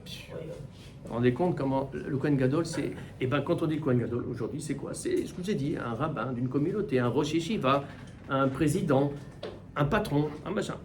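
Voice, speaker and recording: A middle-aged man, a rabbi, giving a Torah class in with mixed in, animated and full of rhetorical questions. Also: mid-range voice, normal speed, a little hiss or hum. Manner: animated, rhetorical questions, repeats words while searching. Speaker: rabbi teaching the weekly portion. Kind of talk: Torah class, spoken teaching.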